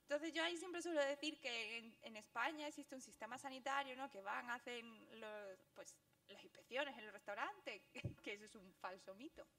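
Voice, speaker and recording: Fast-talking Andalusian woman, high voice. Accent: Andalusian Spanish. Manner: fast, animated, laughing storyteller. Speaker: guest speaker, graphic novelist. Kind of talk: public talk at a book presentation.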